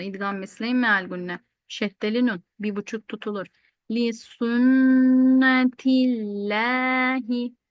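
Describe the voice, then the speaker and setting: A woman's voice: mid-range voice, no echo, dull audio. A woman teaching Quranic recitation rules in an online lesson, explaining patiently and often repeating points. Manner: explains patiently, repeats rules, asks questions then answers them.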